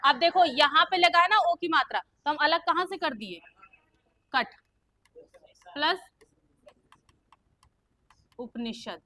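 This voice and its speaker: A woman's voice: high-pitched, lively intonation, slow pace, long pauses, bright, forceful tone, no room sound. A young woman teaching a grammar lesson, who keeps quizzing her students with questions and then answers them herself. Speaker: Hindi teacher.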